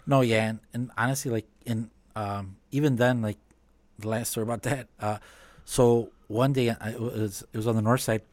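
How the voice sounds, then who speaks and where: A man with an average-pitched voice talks as a podcast guest. He speaks in a relaxed, halting way, full of restarts. The recording is dry and close, with no room echo. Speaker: podcast guest, business owner. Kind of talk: casual conversation.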